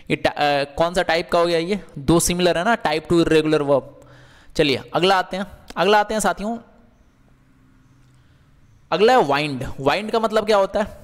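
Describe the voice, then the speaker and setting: A man's voice: a little high, big-room sound. A man teaching English verbs in Hindi, asking questions and answering them himself, with frequent checks that the class is following.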